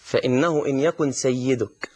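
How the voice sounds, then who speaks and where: A man preaching a sermon with an Egyptian Arabic accent. He recites verse slowly and with emphasis and mixes in colloquial asides. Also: medium pitch, steady tone, a little mellow, slightly rough.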